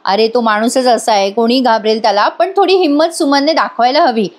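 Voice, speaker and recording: A woman's voice: fairly high pitch, fairly quick. A woman reviewer giving a chatty voice-over recap of a TV serial episode, talking directly to her viewers.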